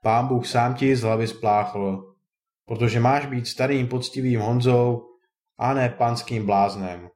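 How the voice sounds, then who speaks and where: A man's voice: medium pitch, fairly even intonation, a little mellow, natural voice. A man voicing a plain-spoken, grumbling peasant father in a storybook reading. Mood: stern. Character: gruff old peasant father, blunt.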